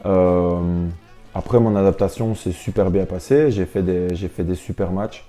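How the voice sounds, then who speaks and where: A young professional basketball player gives a casual interview, speaking informally and reflectively and often repeating words as he builds his sentences. His voice is low and dark-toned, at a moderate pace, with soft music in the background.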